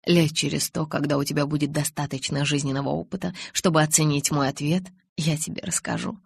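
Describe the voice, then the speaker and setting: A woman voicing a calm, gentle young male vampire who speaks softly and low. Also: brisk, gravelly, breathy edge, dry recording, heavily acted. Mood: tender. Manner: soft, low and restrained.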